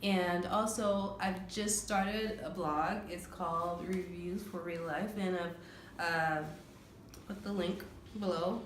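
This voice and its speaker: A woman's voice: lowish voice, fairly even intonation, takes it slowly, reverberant, a little hiss or hum. A woman from the Caribbean, co-hosting a casual couple's vlog, talking earnestly with many fillers and restarts. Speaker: vlogger, co-host of a couple's channel. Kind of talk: casual chat.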